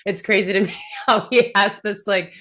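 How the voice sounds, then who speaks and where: A woman hosting a casual show recap, talking in an animated, chatty way full of fillers and laughs. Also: medium pitch, normal speed. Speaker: podcast host.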